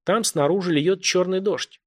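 A man voicing a harried police officer working the phones, brisk and firm, trying to reassure callers. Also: high voice, voice pushed up. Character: harried male police dispatcher, calm but pressed.

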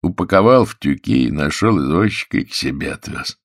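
A man voicing a hungover male thief who speaks in a hoarse, half-whispered voice, weak and pleading, in underworld slang. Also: sits low, expressive, fairly quick, no room sound, clean studio sound. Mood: wary.

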